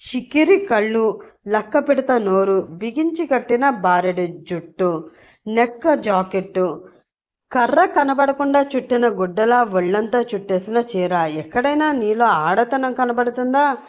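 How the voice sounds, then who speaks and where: A woman's voice: mid-range voice, a little slow, lightly acted. A woman voicing a scheming, mocking wealthy woman villain in an audio story, speaking in a taunting, scornful way.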